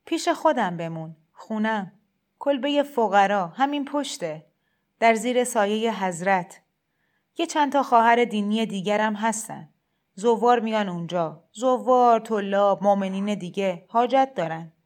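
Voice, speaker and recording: A woman voicing a gentle, persuasive male shrine cleric in a storybook reading, speaking in a heavy, soft, kindly insistent way. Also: mid-range voice, lively intonation, natural voice. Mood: coaxing.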